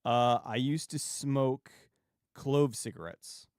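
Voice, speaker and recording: A man with a medium-pitched voice hosts a casual livestream, talking to his viewers. He rambles and halts, restarting sentences and wandering off on tangents. The sound is very dry, with no room echo. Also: animated, slow, darkish tone, smooth. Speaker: YouTube livestream host.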